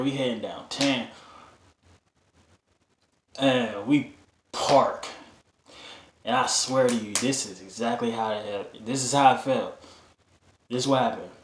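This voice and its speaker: A man's voice: medium pitch, takes it slowly, long pauses, fairly bright tone, a little hiss or hum. Candid man telling a story, roomy echo. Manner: emotional, candid, repeats himself, casual slang. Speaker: vlogger. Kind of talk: personal storytelling to camera.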